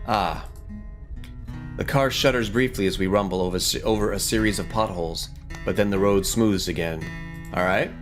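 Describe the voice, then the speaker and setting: A gaming video host with a fairly low voice, speaking at a normal speed, offers casual let's play commentary, reasoning aloud informally and at times reading game text. Behind him plays guitar game music.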